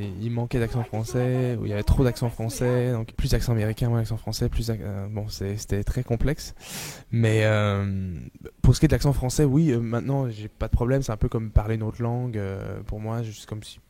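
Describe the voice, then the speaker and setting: A man, an actor talking in a relaxed, slangy interview manner. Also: lowish voice, normal speed.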